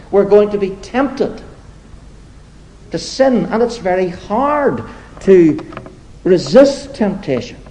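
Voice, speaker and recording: A man preaching a sermon to his congregation, deliberate and emphatic, slipping into wry, self-deprecating asides. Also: high-pitched, warm tone, rough recording.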